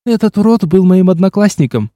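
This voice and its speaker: A man voicing a brash, sharp-tongued young woman. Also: sits high, lively intonation, brisk, no echo, studio quality, pitched above the performer's own voice. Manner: blunt, brash. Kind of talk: audiobook character voice.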